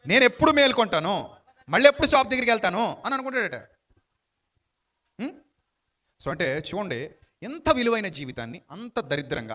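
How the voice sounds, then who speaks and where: A man delivers a lively sermon with a high, bright voice. He swings between loud, sharp exclamations and quiet asides. He keeps firing rhetorical questions and acts out the characters in his stories. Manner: animated storytelling, rhetorical questions, acts out drunkards and dialogue. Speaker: preacher.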